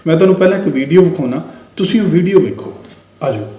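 A man with a slightly high voice gives a casual commentary vlog in an echoey room indoors. He addresses his viewers directly and repeats himself to drive each point home. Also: expressive, fast, dark tone. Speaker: vlogger commenting on viral videos.

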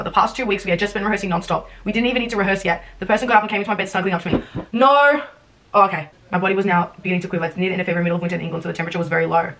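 A woman's voice: fairly low pitch, fairly bright tone, rough recording. A young woman reads her old fan fiction aloud and reacts, cringing, swearing and mocking her own writing. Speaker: vlogger.

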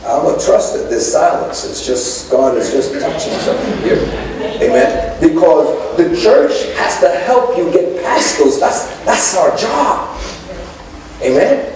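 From the pulpit, a middle-aged pastor calls out to his congregation and gestures as he preaches a sermon in the church sanctuary. His voice is a little high and expressive at a measured pace, with a crowd audible behind it, recorded echoey and distant from far back despite the pulpit microphone.

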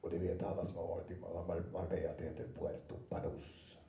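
A man's voice: low voice, completely flat delivery, warm tone. A man who reads audiobooks gives an anecdotal talk to an audience, chatty and full of fillers and restarts. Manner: conversational, many fillers and restarts, briefly acts out quotes. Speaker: audiobook narrator giving a talk. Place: lecture room with an audience. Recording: roomy sound from a distant mic.

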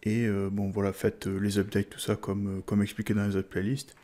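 A man's voice: lowish voice, completely flat delivery, brisk, warm tone. A man with a French accent explaining a tech install in a casual tutorial, hesitant, with many fillers and restarts. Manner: hesitant, many "euh" fillers and repeated words. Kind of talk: casual screen-recorded tutorial.

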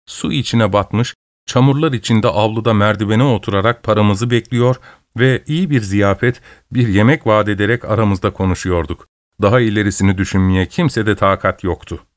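Low-voiced man narrating an audiobook. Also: no room sound, studio quality. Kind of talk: scripted narration.

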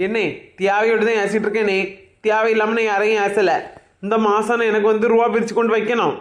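A woman's voice: mid-range voice, little pitch movement, brisk, roomy sound, voice pushed down, lightly acted. A woman with a Kanyakumari Tamil accent playing a pushy, scolding loan collector in a comic sketch. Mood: demanding. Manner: scolding, demanding.

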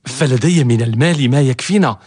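An actor playing a cunning, devoted servant and eager suitor in a radio drama, theatrical and expressive. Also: male voice, mid-range voice, brisk, slightly rough, lightly acted. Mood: boastful. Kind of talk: radio drama acting in formal Arabic.

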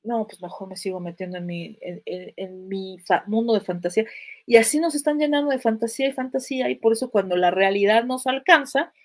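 A woman's voice: mid-range voice, a little fast. A woman with a Mexican accent, a comedic psychologist chatting live and answering viewer comments in a playful, irreverent way full of crude slang. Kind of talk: casual live chat.

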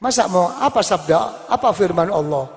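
A man with a Javanese accent preaching a sermon in a drawn-out, emphatic way, repeating words and asking the audience questions. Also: high-pitched, animated. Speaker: Islamic preacher. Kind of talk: sermon to a congregation. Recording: long reverb of a large hall.

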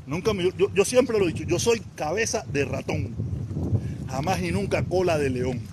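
A man from Havana with a Cuban accent, his voice pitched high for a man, rants fiercely into a phone on a live stream, often breaking into shouts. He talks outdoors, with faint traffic and car noise humming behind him. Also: normal speed. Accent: Cuban Spanish (Havana). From Havana, Cuba. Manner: fiery, confrontational, often shouting. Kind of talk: heated live-stream rant. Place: outdoors in a casino parking lot.

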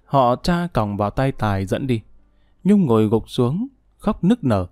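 A male audiobook narrator reading a drama in a steady storytelling voice. His pitch sits in a plain middle range, the sound dry and close, with soft music under it. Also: measured pace, dry recording.

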